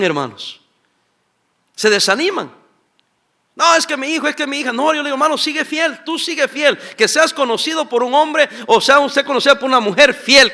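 A man's voice: very high-pitched, sharp tone. A middle-aged man, a pastor preaching a sermon and asking his congregation for responses. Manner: preaching with call-and-response questions.

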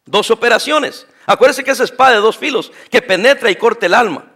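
High, bright-voiced emphatic preaching pastor. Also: male voice, fairly quick. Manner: emphatic preaching, rhetorical questions to the congregation. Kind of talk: sermon.

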